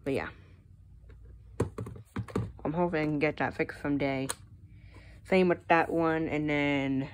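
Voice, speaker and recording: Her low voice stays fairly even and unhurried, pausing often, as this young American vlogger narrates a casual show-and-tell of her collection. She records at home on a handheld phone, and the audio is noisy.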